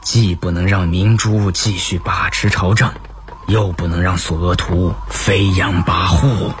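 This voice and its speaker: An actor playing a sly court minister who dodges questions with false modesty in a radio drama. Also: male voice, sits low, steady tone, measured pace, faint music behind. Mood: coy. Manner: coy, evasive, falsely modest.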